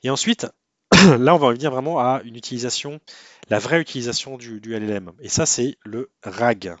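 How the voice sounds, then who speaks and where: A man's voice: mid-range voice, normal speed, dry recording. A man giving a casual webinar lecture, talking to a student in a conversational way with many fillers and restarts.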